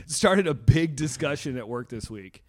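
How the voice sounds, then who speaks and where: Male podcast host, fairly high voice, rambling crude banter full of fillers. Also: animated, measured pace. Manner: rambling, filler-heavy, absurd jokes.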